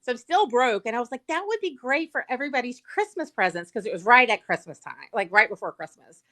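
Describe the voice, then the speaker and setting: A woman's voice: on the high side, lively intonation, fast, pushed and bright. A woman with a Southern US accent, telling a chatty story as a guest on a livestream. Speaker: paralegal and sweepstakes guest. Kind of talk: casual storytelling chat. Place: livestream video call.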